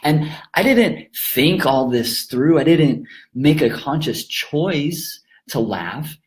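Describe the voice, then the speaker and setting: A man talks a home audience through laughter yoga, calm and explanatory in tone. He breaks into easy laughter again and again between his points. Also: fairly high pitch, takes it slowly. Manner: gentle, often breaks into laughter. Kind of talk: calm explanatory teaching to camera.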